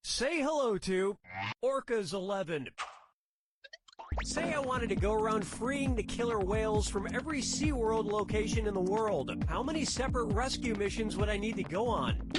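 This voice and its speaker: A man playing a wry, sardonic quiz show host in a scripted comic game. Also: sits high. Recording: loud music behind the voice.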